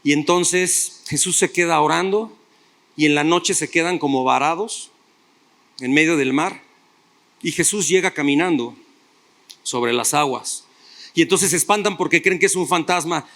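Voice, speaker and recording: A man's voice: on the high side, moderate pace, long pauses, a bit bright. A male pastor preaching a sermon, retelling stories and putting rhetorical questions to his listeners.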